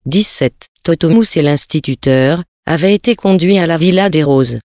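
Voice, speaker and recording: Measured, grave audiobook narrator, dry close studio sound. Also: mid-range voice, darkish tone, no room sound. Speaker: audiobook reader. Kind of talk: scripted narration of a novel.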